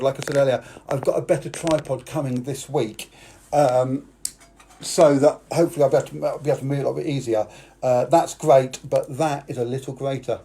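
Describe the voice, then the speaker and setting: British kids' party magician, mellow male voice. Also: a little high, a little hiss or hum. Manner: kids party magician addressing boys and girls, coaxing them to join in. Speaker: magician performing for children. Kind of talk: live-streamed kids' magic show patter.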